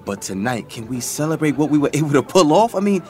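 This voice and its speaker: An actor playing an easygoing young male musician in a video game, talking in relaxed slang and teasing playfully. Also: a little high, fast talker, soft background music. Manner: laid-back slang, playful, reassuring. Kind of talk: game character dialogue.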